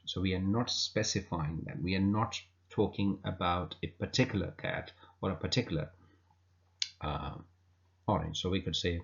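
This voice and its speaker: Male grammar teacher, very low voice, patient and repetitive delivery, dull lo-fi sound. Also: vocal fry. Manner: patient, repeats himself with fillers. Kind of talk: explanatory lesson. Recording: dull lo-fi recording.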